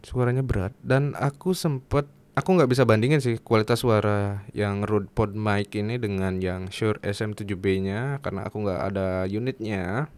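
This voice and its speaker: A man's voice: fairly low pitch, steady tone, moderate pace, darkish tone, clean tone. A man casually reviewing gear, chatty and joking with self-mocking asides, speaking up close to a microphone indoors. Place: indoors, close to a dynamic mic.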